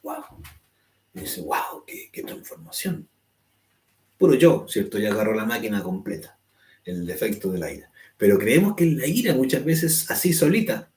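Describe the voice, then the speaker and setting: A man's voice: fairly low pitch, big pitch swings, normal speed, a little mellow. A man teaching an online spiritual class, explaining patiently, acting out angry quotes, and checking "right?" with his listeners. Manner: explanatory, acts out angry quotes, asks "¿cierto?" often. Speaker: spiritual course instructor. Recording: echoey room.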